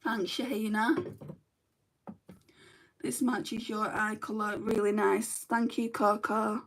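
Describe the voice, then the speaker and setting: Speaking slowly in a mid-range, fairly bright voice with flat delivery, this middle-aged northern English woman talks her way through a makeup livestream. She reads comments aloud, mutters while working, and pokes fun at herself, noting that her back hurts.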